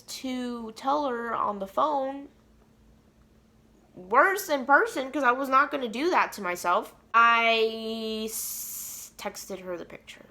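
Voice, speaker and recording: A young woman recounts an emotional personal story to her vlog audience. Her voice sits a little high and sounds bright and sharp. She rambles earnestly, leaning on "like" and "you know". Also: vocal fry. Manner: emotionally animated retelling. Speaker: vlogger.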